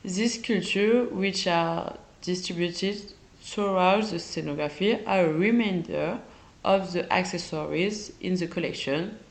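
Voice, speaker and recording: Podcast host, woman, French accent, unhurried and hesitant delivery with some vocal fry. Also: lowish voice, rough recording. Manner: halting, searches for English words, self-correcting. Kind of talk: casual solo podcast talk.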